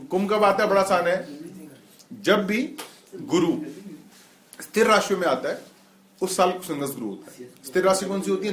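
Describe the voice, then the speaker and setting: A middle-aged man teaching a class informally, explaining terms and asking the students questions. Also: a little high. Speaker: spiritual teacher. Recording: echoey room.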